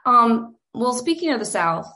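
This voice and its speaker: A woman's voice: a little high, very animated, a little slow, bright, forceful tone. Enthusiastic woman interviewer from Georgia. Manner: enthusiastic, gushing, many fillers. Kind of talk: casual interview.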